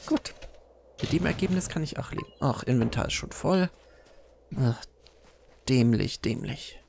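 A man's voice: on the high side, animated, moderate pace, gravelly, background noise. A man casually commenting on his gameplay, chatting to himself and to the enemies he fights. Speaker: let's play commentator. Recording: game music loud behind.

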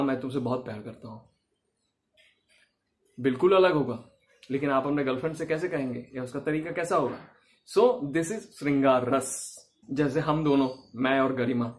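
Chatty man teaching acting. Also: a little high. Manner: chatty, laughs often, acts out lines. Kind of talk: casual acting lesson.

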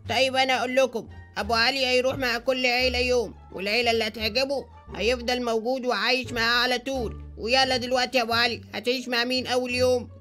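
A young man with an Egyptian accent, excitably hosting and narrating a game movie. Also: very high-pitched. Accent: Egyptian Arabic. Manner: excitable, exclamatory. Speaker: YouTube gamer host.

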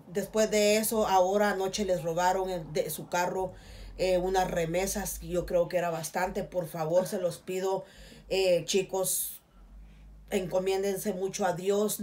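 In a small curtained room with the camera in front of her, a middle-aged Guatemalan vlogger makes a casual, heartfelt plea to her audience. Her lowish, darkish voice carries a Guatemalan Spanish accent, and she keeps pleading earnestly with "please, guys."

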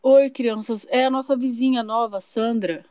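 A woman's voice: fairly high pitch, fairly even intonation, moderate pace, darkish tone, no room sound, clean studio sound, close to an everyday voice. A woman voicing a flustered family dad. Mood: polite. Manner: flustered, mildly exasperated. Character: flustered father of a young family. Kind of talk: toy-figure soap opera voicing.

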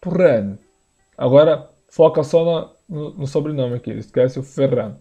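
A man, teaching pronunciation in a screen-share lesson, repeating words slowly for learners. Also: mid-range voice, dark tone, lo-fi sound, soft background music. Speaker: language teacher.

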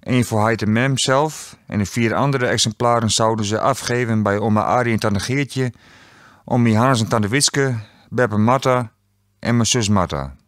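Male author narrating own novel; dry studio sound, middle pitch, wry delivery. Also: moderate pace, no room sound. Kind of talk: audiobook narration. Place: recording studio.

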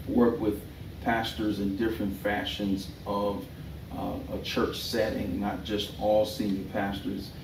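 A middle-aged man giving a thesis defense presentation in a hesitant, halting way, often rephrasing himself. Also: lowish voice. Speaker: doctoral candidate and pastor. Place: small indoor meeting room. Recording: roomy, distant mic with background noise.

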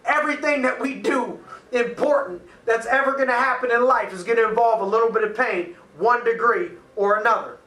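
A man in his thirties coaching to camera with a high, bright, punchy voice, driving each point home with energy. He talks in a small office that sounds echoey, his voice picked up from a few feet away. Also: a little fast, recorded from a distance. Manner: energetic, emphatic, gesturing with his hands. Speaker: motivational coach and host. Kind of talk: motivational talk to camera. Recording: echoey room, voice a little off-mic.

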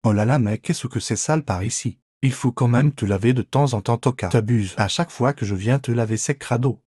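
A man's voice: medium pitch, fairly quick, darkish tone, breathy edge, dry recording, studio quality, close to an everyday voice. A man voicing a cheeky, boastful pet ferret in a playful, mock-dramatic comic voice-over.

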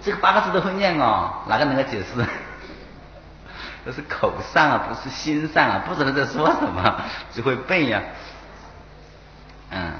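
Monk telling parables in an echoey hall. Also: male voice, mid-range voice, sing-song, moderate pace, long pauses. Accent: Taiwanese Mandarin. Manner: storytelling, chuckles at his own points. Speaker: Buddhist monk teacher. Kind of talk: dharma talk with parables. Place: temple lecture hall. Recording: echoey hall, dull lo-fi, faint hiss.

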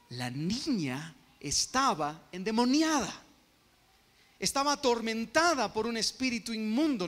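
A man preaching an expository sermon as a pastor, speaking directly to his congregation with rhetorical questions, moving between quiet asides and loud impassioned cries. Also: high voice, in a large hall. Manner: addresses listeners as brothers, asks rhetorical questions. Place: church.

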